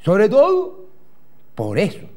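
Taking it slowly, a dark-toned, high-pitched man swoops his pitch wildly as he tells a rambling comic story. He's a middle-aged Gran Canaria native with a Canarian Spanish accent, performing as a TV host, cursing and doing other people's voices in an in-character monologue. He's on a lapel mic in a studio, in front of a backdrop.

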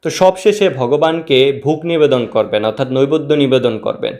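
A man explaining a home worship ritual step by step, reciting Sanskrit mantras in a measured, steady way. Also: mid-range voice. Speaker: religious instructor.

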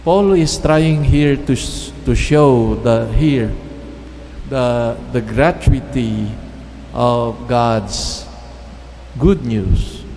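A middle-aged man preaching a homily at Mass, speaking in measured, halting phrases with pauses, into a lectern microphone. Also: medium pitch, dark tone, a little hiss or hum. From Philippines. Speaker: priest. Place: church chapel. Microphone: standing mic at lectern. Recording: long church reverb, faint ambience.

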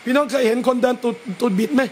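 A man, a religious teacher, gives a lively lecture at a home gathering, talking straight to his listeners. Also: very high-pitched, very fast, a little hiss or hum. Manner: lively, talks straight to listeners and acts out scolding parents.

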